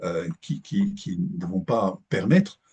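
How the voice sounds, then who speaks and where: A man's voice: low voice, very animated, slow, a little mellow, slightly rough. A middle-aged man giving a live management presentation to an audience, hesitant with many restarts. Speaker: speaker at a business breakfast talk.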